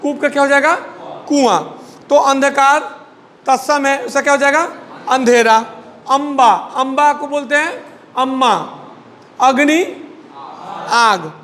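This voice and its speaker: A man's voice: extremely high pitch, fairly even intonation, measured pace, long pauses, fairly bright tone, long reverb tail. A man teaching a Hindi class, drilling word pairs, repeating each word and prompting students to answer. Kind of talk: classroom lesson.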